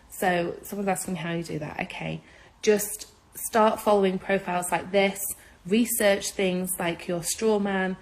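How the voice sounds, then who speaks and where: A woman's voice: medium pitch, low-quality recording. A woman giving impassioned advice in an urgent, insistent manner, repeating her key points. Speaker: social media speaker.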